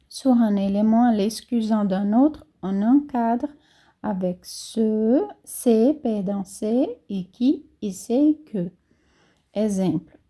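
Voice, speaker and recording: A woman with a Brazilian Portuguese accent, a native Portuguese speaker, teaching French in a casual spoken lesson, patiently repeating example phrases slowly. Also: medium pitch, warm tone.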